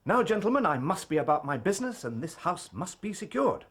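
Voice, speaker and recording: An actor playing a smug, brisk police inspector in a detective radio play, with a cocky, condescending manner. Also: male voice, high voice, big pitch swings, fairly bright tone, slightly rough, exaggerated voice. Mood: smug, dismissive. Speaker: actor in an audio drama.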